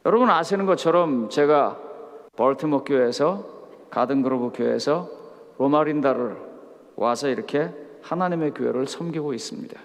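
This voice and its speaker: Here a middle-aged man preaches as a pastor, telling funny stories and performing each quoted line of dialogue. He speaks at a normal speed in a mid-range voice, and the hall reverb of the camp meeting venue carries his words.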